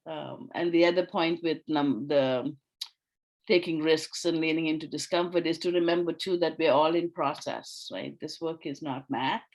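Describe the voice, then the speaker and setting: Facilitator from sri lanka, thinks out loud, lots of uhs, online workshop call. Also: mid-range voice, fairly even intonation, moderate pace, rough recording. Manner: thoughtful, many fillers and restarts. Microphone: video call.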